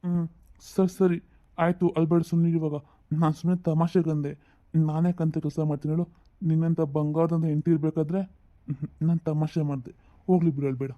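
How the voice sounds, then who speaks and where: A woman's voice: sits low, fairly quick, dull audio, lightly acted. A woman playing an easygoing, teasing husband and father in a comedy sketch. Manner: relaxed, teasing.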